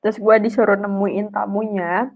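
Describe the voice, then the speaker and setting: A woman's voice: medium pitch, level tone, normal speed, phone-quality sound. A young woman, telling a personal story in a chatty, heartfelt way on a live stream. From Indonesia. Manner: chatty, emotional testimony with slang and fillers. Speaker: speaker sharing a personal story.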